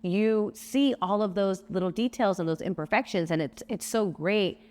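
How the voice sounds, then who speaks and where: A woman's voice: medium pitch, moderate pace, darkish tone. A woman co-hosting in casual chat, making emphatic points and checking in with "right?" and "okay?". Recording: long reverb.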